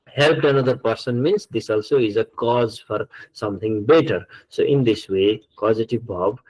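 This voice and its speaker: A man's voice: on the low side, moderate pace, a little mellow, rough recording. A man with a Nepali accent teaching English grammar in an online class, explaining didactically and repeating his points for emphasis.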